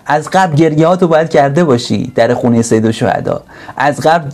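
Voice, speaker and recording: A man giving an earnest sermon, now and then slowing down and rising in pitch and force to stress a point. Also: darkish tone. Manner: earnest, swells to slow emphatic peaks. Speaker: religious speaker.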